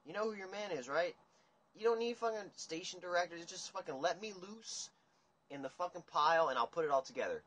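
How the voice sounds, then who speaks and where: A young man hosting a casual livestream chat, ranting in a rambling, profane, animated way. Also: high-pitched, a little fast. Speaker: livestream host. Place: dim room indoors. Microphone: phone camera at table.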